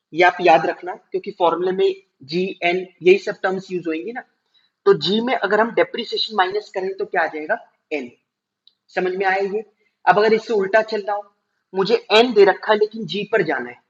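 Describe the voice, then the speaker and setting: A male teacher giving a classroom lecture, explaining step by step, slowing down to spell out terms and checking whether students follow. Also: sits high, fairly bright tone. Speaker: commerce teacher. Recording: dull lo-fi recording.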